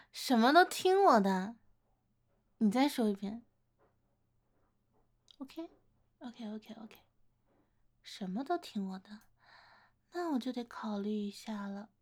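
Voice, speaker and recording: A slow, fairly high-pitched, soft-spoken older-sister figure, played by a woman in a romantic role-play audio. She teases and coaxes her admirer playfully, drawing out her words with gentle affection. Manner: coaxing, playful teasing, gentle laughter. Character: teasing, affectionate older-sister woman wooed by a younger man.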